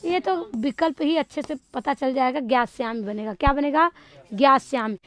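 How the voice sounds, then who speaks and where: Woman teacher, high voice, dry close sound, quizzing exam-prep lecture, reads options then answers. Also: normal speed, fairly bright tone, dry recording. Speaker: Sanskrit teacher. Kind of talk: exam-prep lecture solving past papers.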